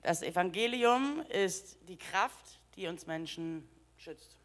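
A woman's voice: lowish voice, expressive, slow pace. A woman interpreting a sermon live, giving each phrase right after the preacher speaks.

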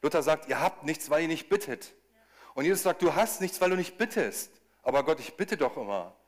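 A man delivers a sermon in a lively, conversational way, restarting phrases as he goes. He acts out quoted cries by pitching his voice up high and pressing hard on them. His voice sits a little above the usual range for a man. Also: brisk. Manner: animated, rising to emphatic high lines for quoted cries, with restarts. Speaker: preacher.

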